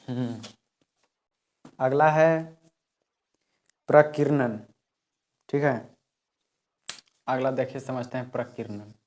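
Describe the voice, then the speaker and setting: A man's voice: mid-range voice, takes it slowly, pauses often, a little mellow. Man teaching physics. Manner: explains step by step, repeats key words. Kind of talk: classroom lesson at a board.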